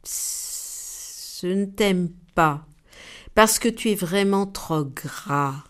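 A woman's voice: on the low side, slow. Woman doing a hissing sly snake. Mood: spiteful. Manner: hissing, whispery.

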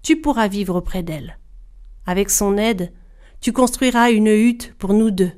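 A woman voicing a husband who gives his bride slow, careful instructions, in a storybook reading. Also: mid-range voice, darkish tone, natural voice. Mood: solemn.

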